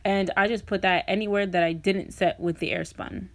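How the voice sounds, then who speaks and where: A woman narrates a beauty tutorial as a vlogger would. She is chatty and informal, speaking straight to her viewers at a middling pitch. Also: steady tone, moderate pace. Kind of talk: casual makeup tutorial voice-over.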